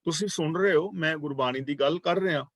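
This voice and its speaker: A man leading a scripture class in a calm, measured voice that sits a little higher than most men's. He chants each verse slowly, then explains it patiently and repeats key words to drive the point home. The sound is dry and close, with no room echo. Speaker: Sikh scripture teacher.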